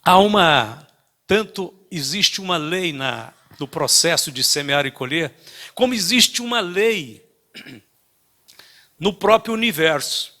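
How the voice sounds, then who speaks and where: An older man preaching a sermon, telling a story in an emphatic way with many halting restarts. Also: on the high side, animated, bright, forceful tone. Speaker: pastor.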